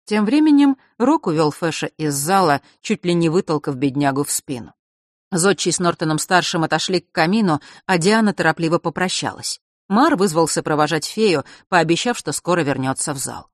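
An audiobook narrator reads a story in an even storytelling style, as scripted narration. The medium-pitched voice moves at a moderate pace, recorded at studio quality with no echo.

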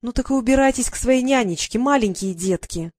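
A woman voicing a stubborn, sharp-tongued teenage girl who answers back with a raised voice. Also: mid-range voice, lively intonation, a little fast, no room sound, lightly acted. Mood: defiant.

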